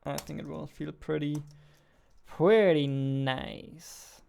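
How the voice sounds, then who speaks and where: A game developer in his twenties livestreams while he works at a computer desk indoors, chatting casually, muttering to himself and repeating phrases. His voice is on the high side, slow, creaky and darkish in tone, with keyboard typing and mouse clicks in the background.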